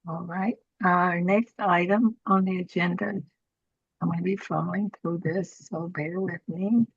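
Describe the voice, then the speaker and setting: A woman with a husky, gravelly voice chairing a formal public meeting over a video call, speaking in a halting, procedural way. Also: on the low side, steady tone, dry recording. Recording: dull, lo-fi online meeting audio.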